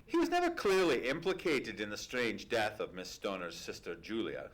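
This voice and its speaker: A man's voice: fairly low pitch, very animated. A man playing a courteous, earnest Victorian doctor who tells events formally and dramatically in an old-time radio mystery. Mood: ominous. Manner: formal, measured, dramatic storytelling. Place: theatre stage, live radio play performance.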